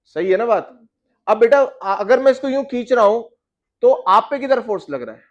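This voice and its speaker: A man with a high voice teaches physics in a lecture, putting questions to his students and answering them himself. He talks. The recording is a little dull and lo-fi. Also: lively intonation, moderate pace. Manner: explains with questions to students, addresses them as beta. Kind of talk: classroom lecture.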